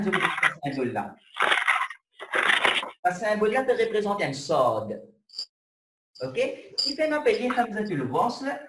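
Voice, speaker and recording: Guy teaching a class, explains slowly and keeps asking if u follow, bouncy pitch, echoey far-off mic. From Mauritius. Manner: explains step by step, keeps checking students follow. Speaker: Arabic teacher. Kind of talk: online class lecture. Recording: roomy, distant with faint noise.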